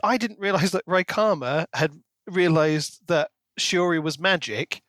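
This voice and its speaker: A man co-hosts a book podcast, talking conversationally close to the mic in a casual discussion built around a prepared recap. His voice is a little high and fairly bright, at a measured pace, with no echo.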